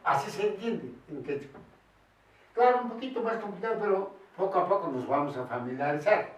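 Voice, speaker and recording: A man teaching a language lesson, patient and repeating each step slowly, mixing Quechua and Spanish. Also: sits high, lively intonation. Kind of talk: bilingual classroom lesson. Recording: very echoey room, voice from far off.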